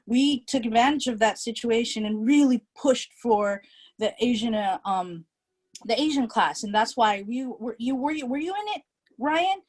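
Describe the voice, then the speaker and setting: A middle-aged woman from California reminiscing casually about her college years on a video call, pausing often with ums and restarts. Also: on the high side, darkish tone. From California, United States. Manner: hesitant, many ums and restarts. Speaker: alumni panelist.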